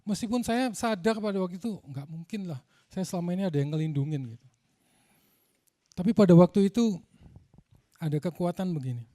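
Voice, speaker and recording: A man's voice: high voice, lively intonation, fairly quick, pauses often, mellow. A man from Indonesia, preaching a conversational storytelling sermon to a congregation, peppering his talk with casual fillers. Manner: conversational, addresses the congregation, frequent filler "gitu".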